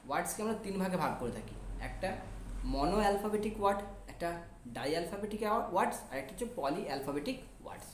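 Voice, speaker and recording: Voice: medium pitch, expressive, fast talker, echoey room, a little hiss or hum. A teacher explaining English basics step by step and spelling words letter by letter. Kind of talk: spoken English lesson.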